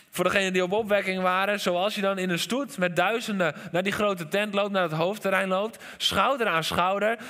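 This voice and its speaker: A Dutch man preaching a sermon as pastor, animated, dropping to quiet lines and sometimes shouting. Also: high-pitched. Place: church hall. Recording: long reverb of a church hall.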